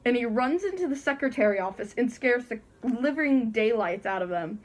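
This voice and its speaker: A woman's voice: a little high, animated, normal speed. A teenage girl casually telling a story from her bedroom while wearing a costume head, chatty and giggly, acting out the people she quotes. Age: teens. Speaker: vlogger.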